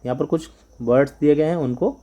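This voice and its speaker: A man with an Indian accent speaks in a slightly high, slightly quick voice with a dark tone. He is a Hindi-speaking teacher who walks through a lesson step by step, spelling words out letter by letter.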